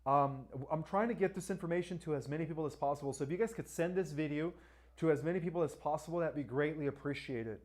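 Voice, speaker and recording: A man with a Spanish accent hosts a live-stream Q&A, answering viewers' questions. His voice sits a little on the high side, and he talks emphatically, tagging lines with "all right" and "right?". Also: quick pace. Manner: asks viewers to like and share. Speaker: livestream host.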